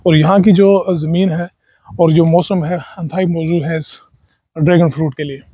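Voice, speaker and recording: A man's voice: fairly high pitch, steady tone, moderate pace, slightly rough, no room sound, muffled recording. A man in his thirties, a travel vlogger, narrating outdoors on a farm into a lapel mic, with devout greetings and pious phrases. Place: outdoors on a dragon fruit farm. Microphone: lapel mic, selfie stick camera.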